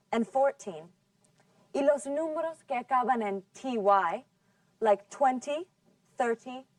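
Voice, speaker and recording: A woman leads a scripted language lesson at an unhurried pace, shaping each word with care. Her voice sits a little high and sounds slightly distant from the mic in a dry, dead room. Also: a little mellow, no room sound. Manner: slow, carefully enunciated teaching delivery. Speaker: English teacher.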